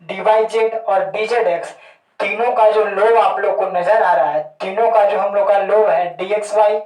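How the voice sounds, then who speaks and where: Monotone male chemistry teacher in an echoey room. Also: sits high, moderate pace. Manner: repeats key terms as questions to students. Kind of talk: classroom lecture. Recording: echoey room, voice distant from mic.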